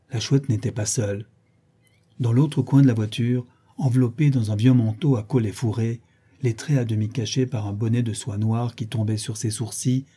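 A man narrating a classic novel in a measured, expressive reading. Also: mid-range voice, husky. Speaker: audiobook narrator.

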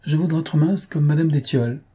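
Male reader doing a chatty society lady, raised pitch, mellow and husky. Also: a little fast.

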